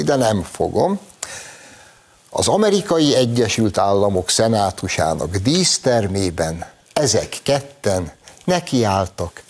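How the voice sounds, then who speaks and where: A man's voice: on the low side, noisy background. A man hosting a talk show, delivering an opinionated commentary monologue in a sarcastic, mocking tone and addressing his listeners familiarly.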